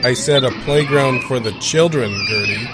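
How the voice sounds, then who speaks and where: An actor playing a weary, exasperated radio host in a post-apocalyptic comedy audio drama, announcing with theatrical flair. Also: male voice, medium pitch, moderate pace, very noisy, lightly acted.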